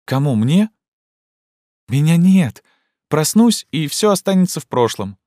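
A man's voice: fairly low pitch, moderate pace, no echo, clean studio sound, pitched above the performer's own voice, lightly acted. A man reading an audiobook, voicing an impulsive young woman who pleads with intense, probing questions. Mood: impassioned.

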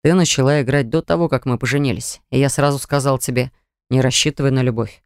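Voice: mid-range voice, fairly even intonation, fast, smooth, no room sound, clean studio sound, voice pushed down, lightly acted. A woman reader voicing a young husband who speaks curtly and sternly, in an audiobook story. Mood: cold, stern. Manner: curt, stern. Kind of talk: audiobook character voice.

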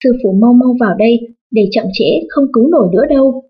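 A woman's voice: fairly high pitch, fast talker, husky, muffled recording. A woman voicing a frantic mother who pleads and wails for her daughter in a storybook reading. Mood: pleading. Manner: pleading, wailing.

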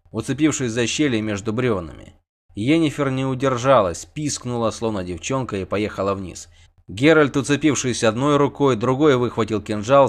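A man narrating an audiobook with tense, vivid storytelling. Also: medium pitch.

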